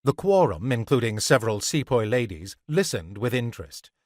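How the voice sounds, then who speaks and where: A man reading a crime short story aloud in a measured, unhurried way for a podcast. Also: medium pitch, sing-song, darkish tone, no echo, clean studio sound. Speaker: podcast reader of short stories.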